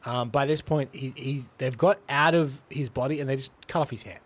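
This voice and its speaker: A man hosting a podcast, casually retelling a film script with animated delivery and frequent laughs. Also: mid-range voice, brisk, no room sound. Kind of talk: casual storytelling chat.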